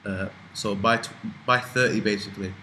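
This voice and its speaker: A man's voice: lowish voice, fairly even intonation, normal speed, sharp tone, a little hiss or hum, rough recording. A man in his twenties from the UK, chatting casually and rambling as he answers viewer questions, swearing freely. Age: 20s. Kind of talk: casual Q&A chat.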